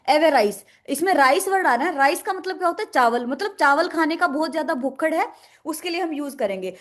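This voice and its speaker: High-voiced woman teaching vocabulary. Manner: asks questions then answers them herself, repeats words. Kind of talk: explaining in a lesson with memory tricks.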